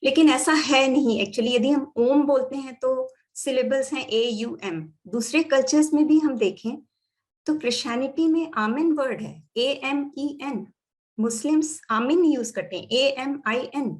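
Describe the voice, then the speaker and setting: Indian woman lecturing, slightly high voice. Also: a little slow. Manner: explanatory, mixing Hindi with English phrases. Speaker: doctor and yoga therapy teacher.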